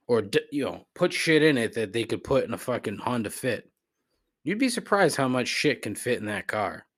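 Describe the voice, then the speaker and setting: Fielding listener voicemails, this man rambles through profane, gripey solo commentary on his podcast. His voice sits on the low side, husky and a little bright.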